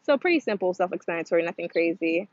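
A woman's voice: lowish voice, animated, fast, no echo. A woman talking casually to the camera in a vlog, rambling with lots of fillers like "um" and "like" and acting out quoted voices. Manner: rambling, filler-heavy, chatty with frequent "um" and "like"; acts out quoted voices in a livelier tone. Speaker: vlogger sharing her trading story. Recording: slightly dull lo-fi audio.

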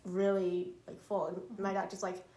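A woman's voice: medium pitch, completely flat delivery, normal speed, dark tone, reverberant. A young woman co-hosting a casual family podcast, chatting in a rambling way with lots of fillers. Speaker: podcast co-host.

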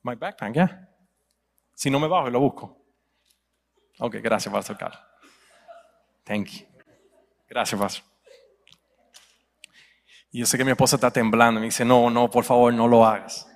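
A man preaching to a congregation, mixing humor and storytelling with loud, emphatic peaks. His voice sits at an ordinary middle pitch. The sound carries a long hall reverb. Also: unhurried, vocal fry, pauses often. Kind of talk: sermon. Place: church sanctuary.

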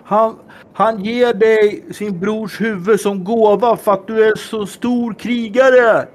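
A man voicing an excited male interpreter who shouts translations and chants to a crowd. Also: high-pitched, pitched above the performer's own voice, lightly acted. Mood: shouting.

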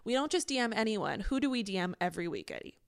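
A woman's voice: medium pitch, animated, fast, clear, resonant tone, dry recording, studio quality. A young woman co-hosting a podcast in casual chat, giggly and laughing often. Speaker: podcast co-host.

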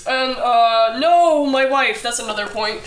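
A woman's voice: a little high, a little slow. A young woman, likely a teenager, chatting as a podcast guest, rambling with lots of "like", laughing and swearing freely. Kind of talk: casual podcast chat. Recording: echoey room with noticeable noise.

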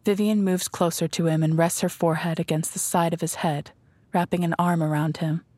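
A woman's voice: on the low side, level tone, warm tone, no echo. Dry, close-miked woman narrator. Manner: measured, descriptive storytelling. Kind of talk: scripted narration.

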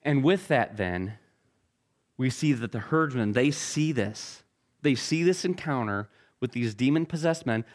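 Animated yet a little slow, this mid-range male voice belongs to a middle-aged pastor giving a sermon. He talks in a loose, conversational style, teases himself, and repeats words often when restarting phrases.

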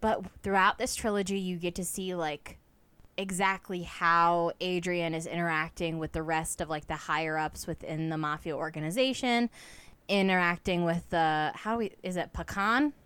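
A woman's voice: fairly low pitch, steady tone, moderate pace, fairly bright tone, clear, resonant tone, no echo. A woman hosting a podcast, chatting casually about books and using many "like" fillers. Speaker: podcast host. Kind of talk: casual book chat.

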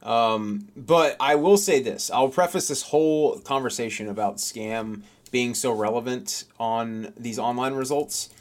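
A man co-hosting a podcast, chatting casually and rambling with lots of restarts and fillers. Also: mid-range voice. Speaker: podcast co-host. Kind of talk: casual chat.

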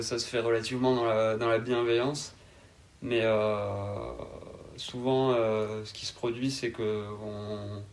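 Male, 20s, southern French accent; calm, hesitant interview guest with a mid-range voice. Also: mid-range voice. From south of France. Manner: calm, laid-back, hesitant. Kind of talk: casual interview answers.

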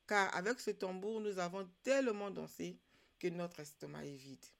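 A woman's voice: lowish voice, normal speed, gravelly. Woman doing a greedy, cowardly dog. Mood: casual. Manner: pleading, evasive.

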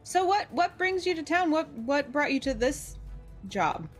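A woman's voice: high-pitched, expressive, a little slow, faint music behind. A woman player in a tabletop game, talking to a character in a friendly, chatty way.

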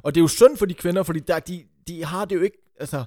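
Blunt, sardonic Danish man, slightly high voice. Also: a little mellow, no echo, clean studio sound. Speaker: podcast co-host. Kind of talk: casual chat.

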